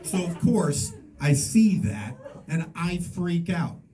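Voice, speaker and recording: A man's voice: a little high, sing-song, slow pace, mellow, a faint crowd. A middle-aged man doing stand-up, telling a rambling anecdotal story with self-mocking asides to a live audience. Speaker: stand-up comedian. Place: comedy stage before a live audience. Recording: voice somewhat distant from the mic with faint room ambience.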